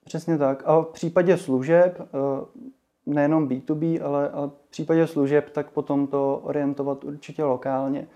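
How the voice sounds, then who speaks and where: A man's voice: fairly high pitch, flat delivery, mellow. A man speaking as a guest in a casual interview, explaining things with frequent hesitations and restarts. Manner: hesitant, many fillers and restarts. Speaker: guest, marketing association chairman.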